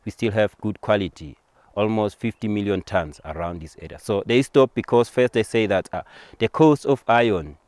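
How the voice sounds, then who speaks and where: A man's voice: lowish voice, normal speed, darkish tone, no echo. A man from Eswatini, a native Siswati speaker with a Swazi accent, explains things as a local tour guide, repeating and rephrasing simply.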